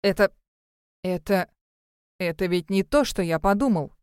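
A woman's voice: unhurried, darkish tone, smooth, no echo, clean studio sound, natural voice. A woman voicing a brash, self-righteous young man who stammers and shrieks his indignant accusations. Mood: stammering. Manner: indignant, stammering, shrill outbursts.

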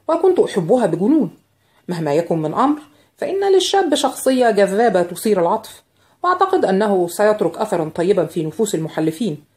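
A woman voicing a shrewd older male barrister in an audiobook, reasoning aloud in a measured way. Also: mid-range voice, darkish tone, natural voice. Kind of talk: audiobook character reading.

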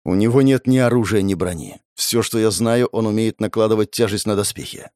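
A man narrating a fantasy audiobook with an expressive, dramatic delivery. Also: on the low side, a little fast, no room sound, clean studio sound.

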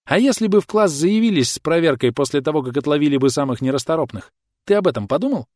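A man's voice: a little high, lively intonation, fast, no echo, clean studio sound, pitched above the performer's own voice, natural voice. A man voicing a cheeky young woman who plays a mock-servile maid and then snaps back sharply. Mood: scornful. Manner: sly mock-submissive, then sharp and whining.

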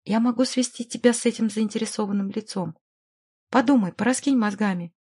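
Woman voicing a scheming smooth businessman. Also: on the high side, a little fast, mellow. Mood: conspiratorial. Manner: condescending, conspiratorial. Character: scheming smooth-talking middle-aged male businessman. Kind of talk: audiobook character voice.

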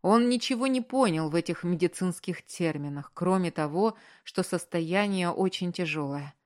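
A woman reading a story aloud in measured, earnest scripted narration, as an audiobook narrator. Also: lowish voice.

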